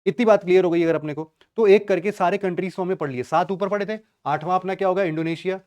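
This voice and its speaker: A man's voice: high-pitched, fast talker, darkish tone. A man teaching a geography lesson in Hindi, casually quizzing his students with rhetorical questions and jokes. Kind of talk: online exam-prep lecture.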